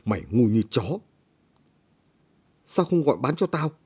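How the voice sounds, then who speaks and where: A man's voice: medium pitch, big pitch swings, unhurried, darkish tone, breathy edge, voice pushed up, full character voice. A man playing a blustering greedy village official. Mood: greedy, contemptuous. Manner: harsh, blustering, scornful. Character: bullying greedy male village official, middle-aged.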